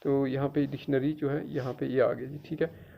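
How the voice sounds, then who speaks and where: Gravelly middle-aged male teacher. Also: medium pitch, little pitch movement, moderate pace. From Jammu and Kashmir. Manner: patient, repetitive, keeps checking with "theek hai". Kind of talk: screen-guided tutorial. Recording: dull lo-fi recording.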